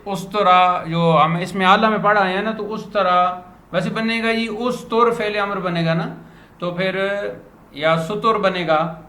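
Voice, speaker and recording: Bright-voiced man teaching in a roomy space. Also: sits high, fairly even intonation. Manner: patient, repeats words slowly for drill. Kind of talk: grammar lesson to a student. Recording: roomy echo, faint background noise.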